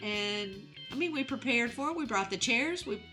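Guesting on a podcast, this sixty-something entertainment company head talks openly and laughs frequently during a relaxed interview. She speaks a little high at a moderate pace, her intonation lively and her tone bright and pushed, while faint music plays behind her.

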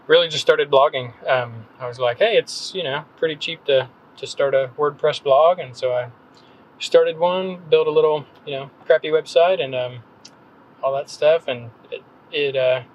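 Recorded roughly with slight background noise, this medium-pitched man in his thirties hails from North Carolina. As a podcast guest in a casual interview, he hesitates, rambles, and keeps saying um and starting over.

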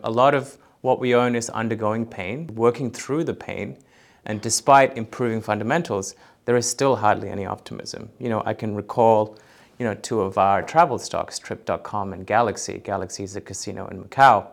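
A man's voice: fairly low pitch, creaky. A man giving conversational, explanatory answers as an expert podcast guest, often saying "you know". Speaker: portfolio manager, podcast guest.

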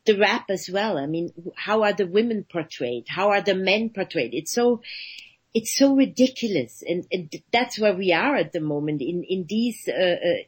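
Husky-voiced woman, halting speech. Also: fairly low pitch, poor audio. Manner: halting, many restarts, searching for words. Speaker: guest, actress. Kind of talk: radio interview conversation.

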